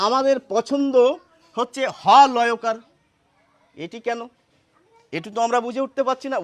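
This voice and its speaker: High-voiced man teaching spelling. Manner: explains step by step with rhetorical questions. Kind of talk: explanatory lesson.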